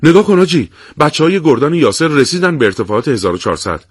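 A man voicing a cheerful male officer who reports good news excitedly. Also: on the high side, slightly rough, pitched above the performer's own voice. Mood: joyful. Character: joyful male comrade officer.

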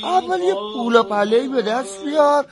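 An actor playing a reflective treasure hunter who muses about life and love. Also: male voice, extremely high pitch, expressive. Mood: musing. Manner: musing, philosophical.

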